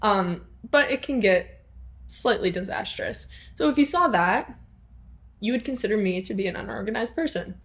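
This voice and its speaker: A woman's voice: medium pitch, moderate pace, a bit bright. Earnest young woman hosting a podcast. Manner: chatty, earnest and encouraging, with frequent restarts and rhetorical questions. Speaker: podcast host. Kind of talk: casual solo podcast talk.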